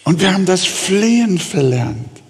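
A man preaching a sermon as pastor, earnest and pleading, with slow emphatic pauses, recorded in a church hall. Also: high-pitched, very animated, a little mellow.

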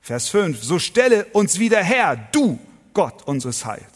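A man preaching a sermon to his congregation, emphatic, asking rhetorical questions and swinging between loud and soft. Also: high-pitched, big pitch swings, a little slow, slightly rough. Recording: long hall reverb.

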